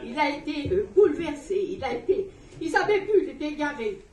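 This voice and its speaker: Woman, church testimony, emotional and rambling, high lively voice, recorded from afar in a reverberant room. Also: a little fast, far from the mic. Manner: emotional, rambling, laughs often while telling. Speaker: church member giving testimony. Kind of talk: spoken religious testimony.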